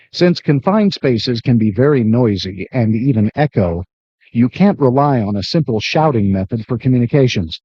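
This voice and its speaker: A man reads scripted instructional narration in a measured way, like a training video narrator. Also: mid-range voice, mellow, no room sound. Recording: dull lo-fi worn videotape sound.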